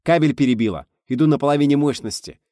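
A man's voice: fairly low pitch, brisk, no echo, studio quality, lightly acted. A man voicing a brash young lunar pilot. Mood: alarmed. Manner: blunt, excited shouting.

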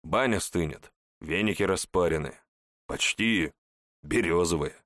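A man's voice: low voice, unhurried, a bit bright, dry recording, clean studio sound. A man voicing an easygoing, persuasive friend in an audiobook. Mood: coaxing.

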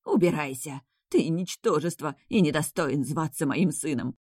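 A woman's voice: moderate pace, darkish tone, no room sound, studio quality. A woman reading an audiobook, voicing a hysterical, scornful deposed queen who shrieks and snaps. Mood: frantic. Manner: shrill, screaming, scornful. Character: hysterical deposed queen, middle-aged mother, cruel and unhinged. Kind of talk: audiobook character voice.

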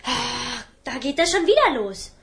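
Bored defiant girl, high voice, curt, sulky, radio play. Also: very animated, a little slow, creaky, pushed and bright, heavily acted. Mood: bored, dismissive. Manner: curt, dismissive, demanding. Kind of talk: radio drama acting.

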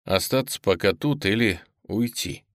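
Man playing a gruff, curt young man. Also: lowish voice, expressive, unhurried, no echo, studio quality. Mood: tense. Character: blunt, gruff young man, whispering harshly.

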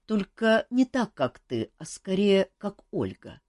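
A woman's voice: medium pitch, very animated, takes it slowly, a little mellow, no echo, voice pushed up. A woman voicing a tired, joking male court jester who mocks himself and others in a dry room. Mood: wry, weary. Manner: wry, self-mocking banter.

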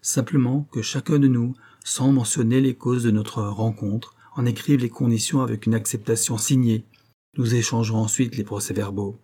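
A man's voice: medium pitch, steady tone, normal speed, mellow, breathy edge, close to an everyday voice. A man voicing a proud, cornered young nobleman who argues insistently, in a storybook reading. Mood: firm. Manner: heated, insistent pleading.

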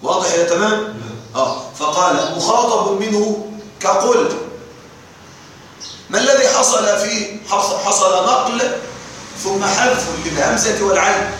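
A man with a fairly high voice teaches a class, working through each point patiently and stopping to ask whether everyone is with him. He sounds far from the microphone, in a very echoey room with a faint hiss underneath. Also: normal speed, fairly bright tone. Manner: explains step by step, often checks the class understands. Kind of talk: classroom lesson explaining grammar verse. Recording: echoey room, distant mic, faint noise.

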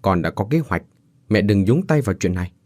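A man voicing a scheming young woman with a soft, coaxing manner. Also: lowish voice, lively intonation, fairly quick, no echo, studio quality, lightly acted. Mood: cold.

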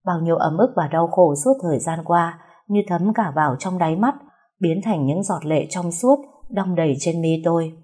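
A woman narrates a first-person story in a steady, emotive manner. Her voice sits fairly low, with a mellow, slightly breathy tone. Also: normal speed. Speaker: audiobook narrator.

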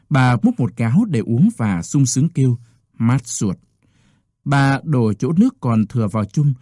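A man's voice: mid-range voice, mellow, no echo, clean studio sound. Man reading a story expressively. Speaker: narrator. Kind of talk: scripted story narration.

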